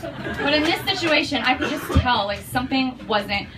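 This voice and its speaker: A woman comedian telling a long stand-up story with animated, profane delivery that breaks into loud shouts. Her voice sits fairly high. The mic is far off and steady noise hangs behind her. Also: normal speed. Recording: distant mic, noisy.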